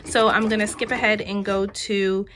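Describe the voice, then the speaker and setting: A woman's voice: mid-range voice, level tone, normal speed, a bit bright, slight background noise. A woman in her thirties giving casual, step-by-step craft tutorial narration.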